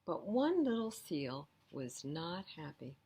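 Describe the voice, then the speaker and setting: On a rough recording, a woman with a deep, breathy, sing-song voice reads a picture book slowly to children at a library storytime. She talks through the pictures and gives the young listeners gentle asides.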